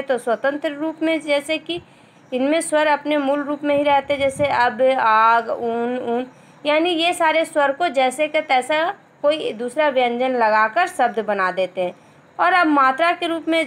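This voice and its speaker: A woman teacher explaining a grammar lesson step by step, repeating key terms and slowing down on each example word. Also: sits high. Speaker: school teacher.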